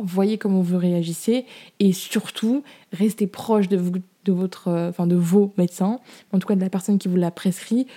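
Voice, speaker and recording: A young adult woman with a fairly low-pitched, warm voice hosts a podcast, offering personal advice. She chats casually and candidly in slangy, informal speech.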